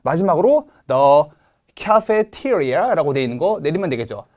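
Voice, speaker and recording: A man's voice: on the high side, sing-song, a little slow, a little mellow. A man in his thirties with a Korean accent, giving an online TOEIC Speaking lecture and modeling English words for viewers to repeat.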